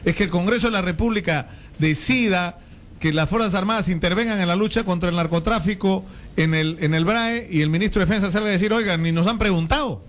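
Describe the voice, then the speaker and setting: A man hosting a radio interview and putting brisk, leading questions to his guest. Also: high voice. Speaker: radio host.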